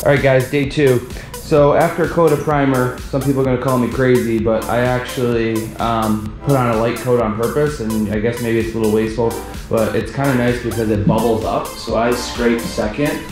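A young man walks viewers through a repair job in a relaxed, chatty way, calling them guys as he works. His voice sits at an ordinary middle pitch. The sound is roomy, with music playing clearly underneath. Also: normal speed. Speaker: DIY video host. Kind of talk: casual how-to narration. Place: outdoors by a truck, then inside a metal walk-in cooler.

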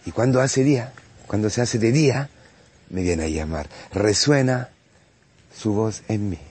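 Husky priest preaching. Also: male voice, lowish voice, lively intonation, a little mellow. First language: Italian. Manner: impassioned, repetitive, halting with many restarts. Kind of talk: homily on the daily Gospel.

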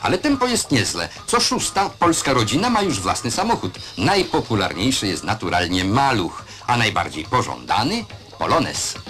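Guy doing old newsreel narration, proud, swoopy lively delivery, music under it. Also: medium pitch, moderate pace. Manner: proud, declamatory delivery with rhetorical questions. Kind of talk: 1970s state newsreel voice-over narration.

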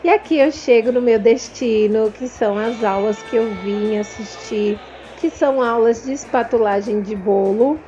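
A confectioner and vlogger with a Brazilian Portuguese accent narrates a vlog about a trade fair, chatting directly with her viewers. Her voice is fairly high with a dark tone at normal speed; the highs are cut off and faint music plays behind.

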